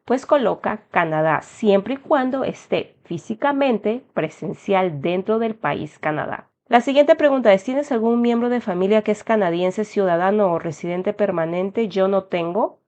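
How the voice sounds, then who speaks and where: A woman's voice: mid-range voice, normal speed, hardly any pauses, a little mellow. A young adult woman from Peru with a Peruvian Spanish accent, walking viewers through an application form in a friendly explanatory tutorial. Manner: explanatory, addresses viewers as "chicos". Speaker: immigration tutorial host. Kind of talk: step-by-step tutorial narration. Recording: slightly dull lo-fi sound.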